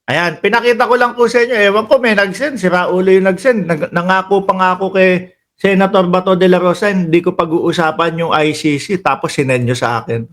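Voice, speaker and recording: A Filipino-accented man hosting a casual political commentary stream, chatty and quick to laugh, calling out to his viewers. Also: sits high, fairly bright tone. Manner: chatty, laughs often, addresses viewers as bossing and kababayan. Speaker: political commentary livestream host.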